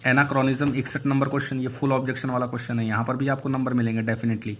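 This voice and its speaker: A male English teacher going through exam questions one by one, reading each aloud slowly and explaining the answers. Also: mid-range voice, little pitch movement, a little hiss or hum. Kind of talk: online exam answer review.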